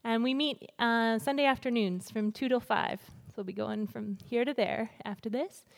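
A woman's voice: on the high side, normal speed, creaky. Woman addressing a congregation, reverberant hall. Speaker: guest church speaker. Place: large church hall, speaking to a congregation.

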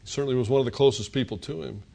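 A man's voice: medium pitch, racing, creaky, mellow, breathy edge. An older man preaching a sermon, retelling scripture as a story and voicing the characters' words. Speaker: pastor.

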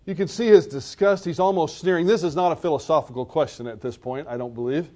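High-voiced man preaching a sermon. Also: fast talker, mellow. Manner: vivid storytelling, retelling scenes.

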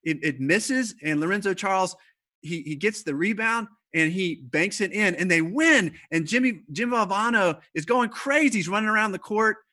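A man gives a sermon in an easy, conversational way, trailing into fillers and restarts. His voice is bright and sits a little high. He slows right down when he leans on a key line. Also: animated. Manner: conversational preaching with fillers and repeated starts, slowing for emphasis. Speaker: pastor. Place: church service streamed online.

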